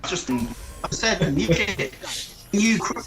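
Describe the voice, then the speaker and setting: A man with an English accent in casual chat, his voice breaking up over a bad online connection, talking in halting bits. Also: high voice, animated. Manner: rambling, halting.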